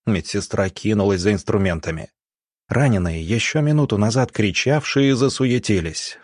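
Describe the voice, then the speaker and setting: Husky low male audiobook narrator. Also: moderate pace, no echo, clean studio sound. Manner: steady storytelling.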